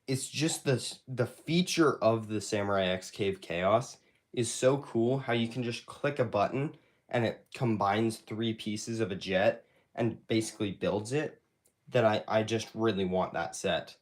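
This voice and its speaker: A young man hosting a casual live stream Q&A, sounding stuffy from allergies and talking in a rambling, hesitant way with many fillers. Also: mid-range voice. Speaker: YouTube creator hosting a live Q&A. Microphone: handheld phone camera.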